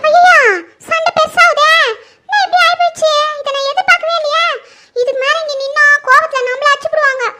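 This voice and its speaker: A woman acts out a timid servant who mutters nervous asides. Her voice is squeaky, very high and bright, over a faint hiss. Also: steady tone, fairly quick.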